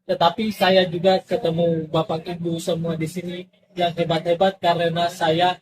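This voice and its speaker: A man's voice: a little high, completely flat delivery, normal speed, noisy background. A man from Ambon in eastern Indonesia, a teaching assistant giving casual interview answers. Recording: busy crowd chatter behind. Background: crowd chatter.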